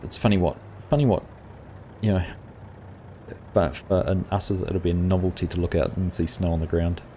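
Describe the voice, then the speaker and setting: A man's voice: sits low, normal speed, long pauses, slight background noise. A middle-aged man with a New Zealand accent, hosting a live gaming stream and chatting casually with viewers, with plenty of fillers. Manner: relaxed and chatty, many fillers, answers chat by name. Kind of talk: casual chat reading viewer comments.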